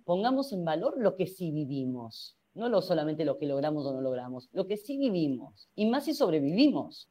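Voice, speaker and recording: A psychologist appearing as a radio interview guest answers in a warm, lowish voice with a Rioplatense Spanish accent. She works through her ideas by posing rhetorical questions to herself.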